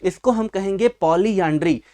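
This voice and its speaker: Warm in tone and high in pitch, this male teacher speaks at normal speed while running a vocabulary lesson for exam prep at a writing board in a class video. He asks and answers his own questions, repeats key terms, and talks to his students affectionately.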